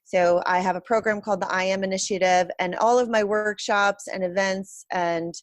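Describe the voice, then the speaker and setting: A woman's voice: mid-range voice, steady tone, normal speed, no room sound. A woman answering interview questions as a guest in a candid, reflective conversational way. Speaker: interview guest, self-confidence coach.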